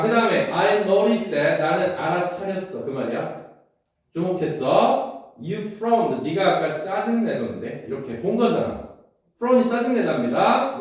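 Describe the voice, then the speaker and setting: A man teaching an English exam passage to students in a classroom, often checking that they follow and switching between polite and casual speech. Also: sits high. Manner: keeps checking understanding with quick questions. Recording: very echoey room from a distance.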